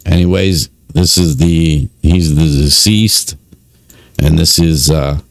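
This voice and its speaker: A low-voiced man talks his way through prison records in a relaxed commentary. He speaks informally, with frequent fillers and asides. The recording is dry and close. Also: takes it slowly, vocal fry, no echo. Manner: conversational, many fillers, informal phrasing. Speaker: YouTube commentator on prison news. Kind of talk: casual commentary reading records.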